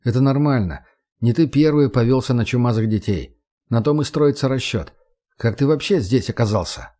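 A man voicing a self-assured young man who speaks calmly, bluntly and matter-of-factly. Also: mid-range voice, normal speed, close to an everyday voice. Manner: calm, blunt, matter-of-fact.

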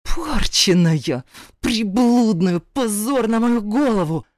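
A woman voicing a furious, abusive middle-aged stepfather who snarls and barks orders, drawing some words out slowly, in an audiobook. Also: low voice, darkish tone, no echo, studio quality. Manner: snarling, barking orders, slowed hissing.

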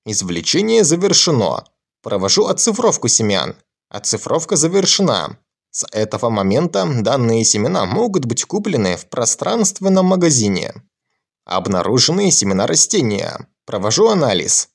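A man voicing the flat, mechanical system voice of a magic farm, reporting its computer processing step by step in an audiobook reading. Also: medium pitch, normal speed, gravelly.

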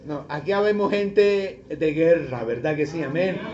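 A man's voice: fairly high pitch, lively intonation, a little slow, darkish tone, muffled recording. A man preaching a sermon as pastor, calling questions out to the congregation and repeating scripture lines over and over. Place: church service.

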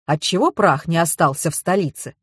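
A woman voicing a middle-aged male police colonel who questions calmly, in an audiobook. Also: fairly low pitch, brisk, breathy edge, no room sound, studio quality.

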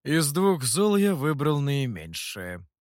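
A man voicing a calm, cunning male master and mentor in an audiobook, speaking in a dry, measured, wry way. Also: fairly high pitch, no room sound. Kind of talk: audiobook character voice.

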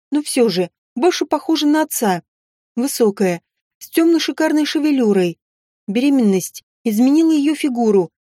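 A woman narrating a first-person story for an audiobook in a calm, even storytelling manner. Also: a little high, dry recording, studio quality.

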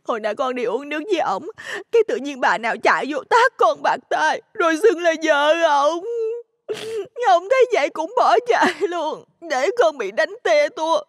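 A man's voice: extremely high pitch, animated, normal speed, a bit bright, no room sound, clean studio sound, pitched above the performer's own voice. A man voicing a young woman who sobs and wails as she pours out her trouble. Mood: sobbing. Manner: tearful, wailing. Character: young woman sobbing after a beating.

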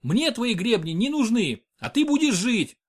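A man voicing an anxious, quick-tempered young noblewoman, speaking sharply and urgently. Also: very high-pitched, very animated, husky, voice pushed up, exaggerated voice.

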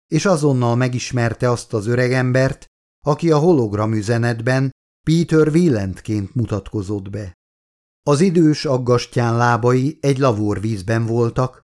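A man narrating his own book aloud at a mid-range pitch. His reading is steady and measured, with even, deliberate phrasing. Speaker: audiobook narrator and author. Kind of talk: scripted narration.

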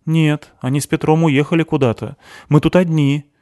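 A man voicing an indignant young woman who complains loudly and feels overlooked. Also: a little high, fairly even intonation, moderate pace, no echo, clean studio sound, voice pushed up, close to an everyday voice. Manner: exasperated, loud complaints. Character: indignant young woman, hardworking, easily offended.

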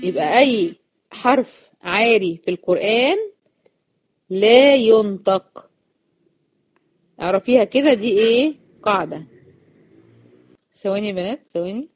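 A woman's voice: medium pitch, expressive. Egyptian woman teaching Quran recitation. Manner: chatty, explains by repeating rules and asking quick check questions. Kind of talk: online recitation lesson to female students.

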